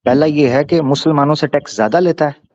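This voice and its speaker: A man's voice: on the high side, darkish tone, no echo. Man pressing and lecturing, dull dry sound. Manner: teasing, pressing, then slow and lecturing when explaining. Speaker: debate host answering a questioner. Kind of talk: explanatory debate talk.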